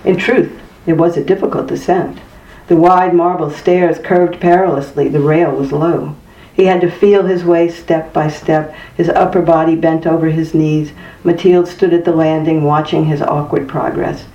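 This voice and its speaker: A narrator reading a story aloud in a measured, even way. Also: mid-range voice. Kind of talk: scripted audiobook narration. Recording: distant, roomy, dull-sounding recording.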